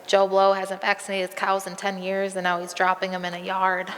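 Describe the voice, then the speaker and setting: A woman's voice: medium pitch, completely flat delivery, a little fast, big-room sound, a little hiss or hum. A woman veterinarian answering audience questions at a live presentation, conversational with frequent ums, and losing her voice. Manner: conversational, many um fillers, practical.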